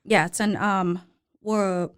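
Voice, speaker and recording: A woman from Thailand with a Thai accent, a restaurant owner in a casual interview, speaking halting English with simple, broken grammar. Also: medium pitch, steady tone, smooth.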